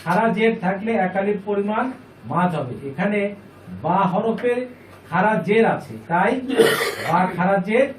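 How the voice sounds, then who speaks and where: A man's voice: high voice, a little slow, pauses often. A man teaching a class how to read the Quran, patiently repeating each point and putting questions to the students. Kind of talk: classroom lesson. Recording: echoey room, distant mic, faint noise.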